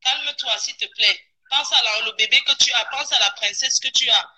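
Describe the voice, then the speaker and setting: A woman on a live stream call, soothing and pleading with someone to calm down, repeating herself. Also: high-pitched, moderate pace.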